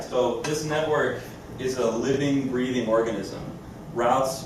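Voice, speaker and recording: A man presents a live product demo in an informal, explanatory way. He sounds distant from the microphone in a strongly reverberant room, with clear noise behind him. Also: mid-range voice. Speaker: company presenter.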